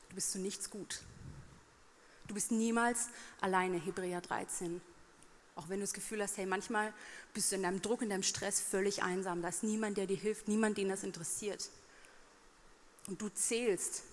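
A woman's voice: mid-range voice, a little hiss or hum. A woman preaching a sermon at a church service, talking earnestly and colloquially, straight to her listeners. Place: church service with a worship band. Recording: reverberant hall with loud band music behind.

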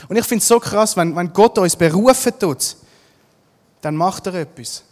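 A male preacher, giving a lively sermon, acting out Bible scenes and repeating his key lines. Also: high-pitched, moderate pace, big-room sound.

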